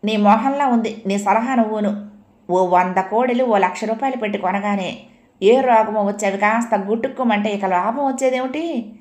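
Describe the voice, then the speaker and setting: A woman's voice: medium pitch, normal speed, darkish tone, natural voice. A woman voicing a stingy, grumpy man in a comic audiobook, speaking sarcastically. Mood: scoffing. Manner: sarcastic, scoffing. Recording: roomy echo.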